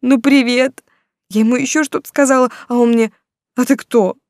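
A woman's voice: fairly high pitch, steady tone, a little fast, darkish tone, dry recording, studio quality, voice pushed up, close to an everyday voice. A woman voicing a naive, tearful young woman student in an audiobook, plaintive and whiny. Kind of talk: audiobook character voice.

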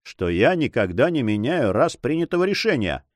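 A man's voice: medium pitch, very animated, moderate pace, no echo, clean studio sound, natural voice. A man voicing a composed, resolute male buccaneer leader with a wry edge.

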